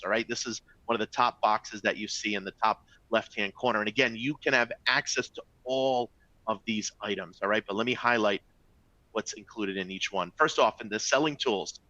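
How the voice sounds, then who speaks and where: Leading a training webinar for his travel company, this middle-aged Bostonian keeps things chatty and upbeat, repeatedly asking "all right?" and addressing "folks." His mid-range voice is pushed and bright, though the audio is dull and lacks any room sound.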